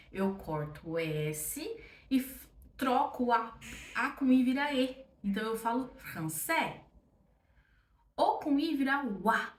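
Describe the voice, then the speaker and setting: This young Brazilian woman, with a Brazilian Portuguese accent, gives a chatty, encouraging online French lesson and keeps asking "ok?". Her voice is fairly high and fairly bright. She is recorded from a distance, off-mic, in an echoey room.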